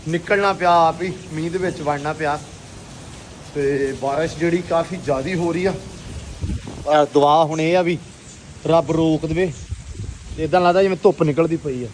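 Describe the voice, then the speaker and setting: High-voiced, exclamatory Pakistani Punjabi man. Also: moderate pace, long pauses. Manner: exclamatory, repeating interjections and phrases. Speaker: vlogger. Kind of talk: casual outdoor village vlog chat. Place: outdoors on a village farm in windy, rainy weather. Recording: noisy outdoor recording, faint weather and vehicle noise.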